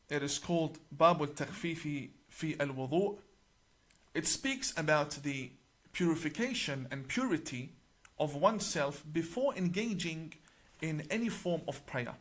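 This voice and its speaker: A man with a somewhat high-pitched voice delivers an explanatory talk straight to camera. His manner is deliberate and emphatic as he works through his sources page by page, stressing key points. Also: a bit bright. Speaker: religious cleric.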